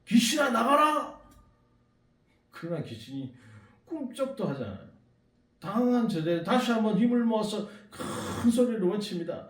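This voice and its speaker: A man preaching a Sunday sermon as pastor, animated and acting out the voices he quotes. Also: sits high, moderate pace, roomy sound, far from the mic. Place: church sanctuary.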